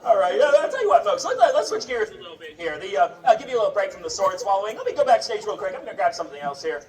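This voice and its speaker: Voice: medium pitch, very animated, rapid-fire, darkish tone. A sword swallower giving comic live stage patter to a festival crowd, with a showman's wry, joking banter. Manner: sword swallower's showman delivery addressing onlookers. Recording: roomy, distant mic with crowd noise.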